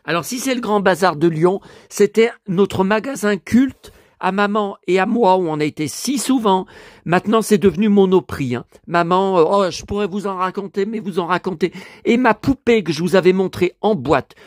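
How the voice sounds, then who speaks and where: A hoarse man talking to his viewers at home, showing off his finds as a collector. He rambles, grumbles, swears often and keeps addressing the audience. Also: high voice, moderate pace, no room sound, studio quality. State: hoarse, voice worn out. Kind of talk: rambling vlog talk to viewers.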